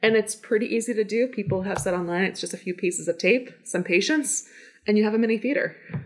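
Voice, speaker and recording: A woman's voice: medium pitch, quick pace. A woman explaining things informally and enthusiastically as an interview guest, on a meeting room mic in a conference room. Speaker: podcast guest, special collections manager. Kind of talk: casual explanatory interview chat.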